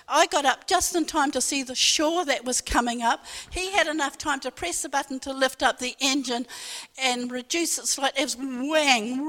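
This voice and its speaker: A woman telling a humorous personal anecdote in a talk, a lively storyteller who acts out the dialogue. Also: high-pitched, long reverb tail.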